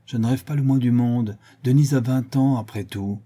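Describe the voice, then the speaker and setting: A peevish, impatient count, played by a male reader, barking loudly in a raised voice. His grumbling has a husky, mellow grain. He sounds fed up with everyone around him. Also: medium pitch, normal speed, pitched above the performer's own voice, close to an everyday voice. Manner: peevish, shouting. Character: grumpy impatient cousin, a count.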